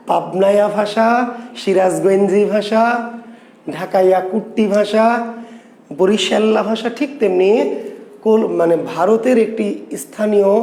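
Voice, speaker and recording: Echoey, higher-pitched man teaching a class. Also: mellow. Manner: asks questions and answers them himself, repeats key terms. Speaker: literature teacher. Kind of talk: classroom lecture.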